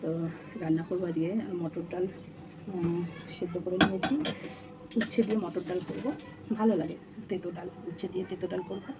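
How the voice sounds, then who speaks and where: A woman chatting casually to her viewers while cooking at home, keeping her voice low so her sleeping son is not woken. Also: little pitch movement, a little fast, pauses often. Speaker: home vlogger and mother. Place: home kitchen with a tin roof during rain. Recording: noisy home recording with rain on a tin roof.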